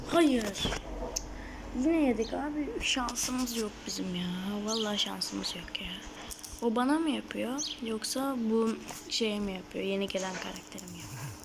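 A woman giving live gameplay commentary on her gaming channel, excitable, shouting at opponents and then dropping to a murmured whisper. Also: fairly high pitch, slow, vocal fry, long pauses, background noise.

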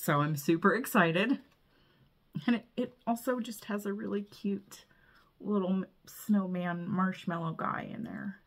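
A woman's voice: medium pitch, unhurried. Bubbly, gushing woman vlogger. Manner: bubbly and gushing, often breathless with delight. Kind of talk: casual unboxing vlog.

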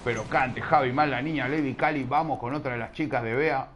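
A man's voice: medium pitch, a little fast, noisy background. A man with a Rioplatense Spanish accent casting a live online shooter tournament, chatty and teasing, scolding his chat with playful slang. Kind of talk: live game commentary.

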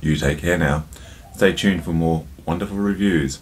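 Deep-voiced chatty man reviewing drinks. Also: normal speed, slight background noise. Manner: chatty, jokey, addresses viewers as "my people". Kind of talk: casual drinks review vlog.

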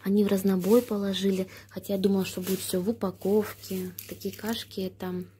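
A woman's voice: medium pitch, flat delivery, a little fast, mellow, a little hiss or hum. A young woman talking casually as a vlogger while showing purchases at home on a handheld phone. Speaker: vlogger, mother of a baby. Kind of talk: casual unboxing vlog chat. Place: indoors at home, tiled and wooden floors. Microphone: handheld phone behind the camera.

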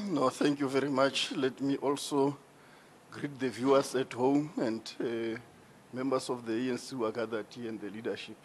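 A regional party executive with a South African accent answers in a town hall debate, formally explaining procedure with rising emphasis. He speaks at medium pitch and moderate pace into a handheld mic in a big indoor hall with a seated audience, with slight hiss or hum audible.

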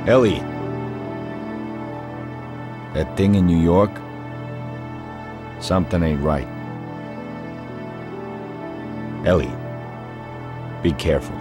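An actor playing a hot-tempered mafia boss locked up in prison, with a husky voice. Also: male voice, sits low, a little slow, music in the background. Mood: worried. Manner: explosive then grudgingly calm. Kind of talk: video game voice acting.

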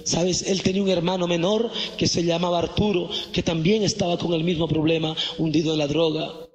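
A man's voice: fairly high pitch, flat delivery, a little fast, a little mellow. A man giving an impassioned evangelist's testimony, calling the listener brother. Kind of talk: emotional testimony. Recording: echoey hall.

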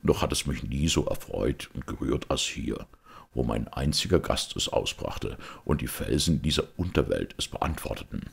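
A man's voice: animated, exaggerated voice. A man voicing a proud, brooding middle-aged outlawed knight in an audiobook, with solemn, weighty speech. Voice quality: deep gravelly rasp. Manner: solemn, weighty, slow delivery. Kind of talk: audiobook character voice.

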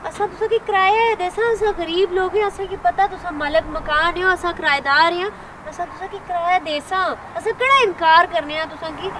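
A woman's voice: very high voice, brisk, sharp tone. A woman playing a pleading poor tenant's wife. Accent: Pothwari Punjabi. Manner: pleading, meek. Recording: distant mic, outdoor noise.

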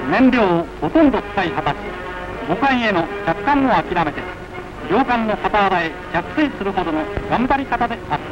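Man, old newsreel narration, formal and rousing, dull lo-fi film sound. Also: high-pitched.

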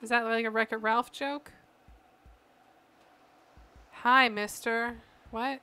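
A woman's voice: on the high side, pushed and bright, smooth. A woman streaming a game, reading web pages aloud with incredulous, sarcastic asides. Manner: incredulous, sarcastic, reads website text aloud with dry asides. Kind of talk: casual gameplay commentary.

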